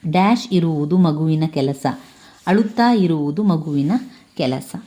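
A woman with a Kannada accent reads a school story aloud for young children. Her voice sits low and mellow, and she takes her time. She repeats phrases carefully as she explains. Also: unhurried. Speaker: teacher.

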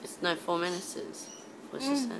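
A woman's voice: on the low side, expressive, a little fast. A woman talking while eating ice cream, her lip numb and sore after stitches, mumbling and laughing through the pain in casual chat. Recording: hissy home video.

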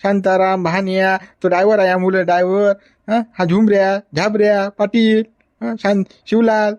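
A man's voice: high voice, flat delivery, normal speed, a little mellow, no echo, dull audio, natural voice. A man voicing a confused old village man who pleads and protests, speaking. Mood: indignant.

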